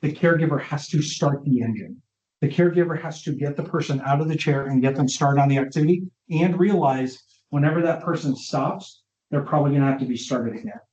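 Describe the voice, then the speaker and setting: Fairly quick and fairly high in pitch, with a darkish tone, a male neuropsychologist leads an informal lecture where the audience asks questions. He keeps pausing to see whether everyone follows. Audio is lo-fi, dull and roomy, from an online session.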